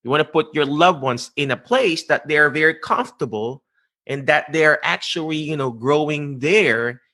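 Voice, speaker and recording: A man's voice: on the high side, animated, moderate pace, pushed and bright. A man from the Philippines with a Filipino accent, hosting a live-stream interview and asking emphatic rhetorical questions. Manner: repeats words, speaks with emphatic rhetorical questions. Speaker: host.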